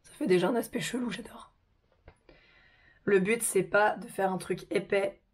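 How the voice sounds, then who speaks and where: A woman hosting a casual makeup tutorial, chatty and informal, her voice hoarse from a sore throat. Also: medium pitch, steady tone, moderate pace.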